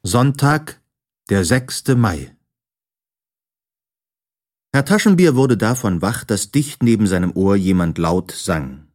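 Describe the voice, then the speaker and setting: Man, audiobook narrator, children's story, slow pace, animated intonation. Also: fairly low pitch. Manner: unhurried, expressive storytelling. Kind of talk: scripted narration of a children's book.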